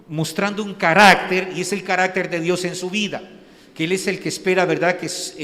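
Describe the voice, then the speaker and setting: A man preaching a sermon in a slightly higher-than-usual voice. He talks to the congregation conversationally, full of restarts and rhetorical questions. His voice rings with the long reverb of a church sanctuary. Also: a bit bright. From Colombia. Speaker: pastor.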